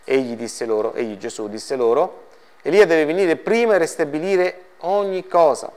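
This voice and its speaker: A man's voice: a little high, normal speed, darkish tone. A man preaching a sermon to a congregation, reading Bible passages and putting rhetorical questions to his listeners before answering them. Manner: addresses the congregation directly, lightly joking.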